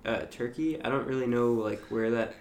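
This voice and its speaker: A man's voice: medium pitch, moderate pace. A young man chats casually as a podcast co-host, his voice sitting in a middling register. He rambles and hesitates, filling gaps with "like" and "um". The room around him sounds echoey. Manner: rambling, hesitant, lots of fillers and laughs. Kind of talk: casual chat.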